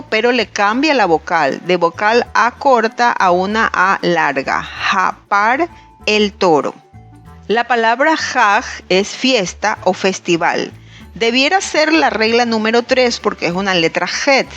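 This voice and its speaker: Slow, careful woman teacher. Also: medium pitch, fairly bright tone. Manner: slow, careful, spells out examples. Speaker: language teacher. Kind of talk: scripted grammar lesson.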